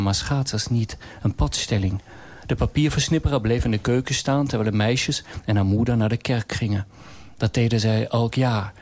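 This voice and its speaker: A man reads a radio story aloud with dry irony. His voice sits mid-range and even. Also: mid-range voice.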